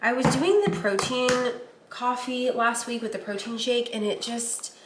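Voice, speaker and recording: A young lifestyle vlogger with a voice on the high side chats casually and unhurriedly, rambling with lots of fillers, against heavy background noise. She's recovering from a recent cold, which leaves her voice a little nasal.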